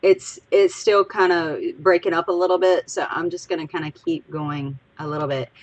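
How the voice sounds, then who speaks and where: Tipsy from drinking, this podcast co-host from Louisiana chats and rambles through a casual livestream in her Southern accent, dropping giggly asides. She speaks at a moderate pace with a steady tone, her voice on the low side.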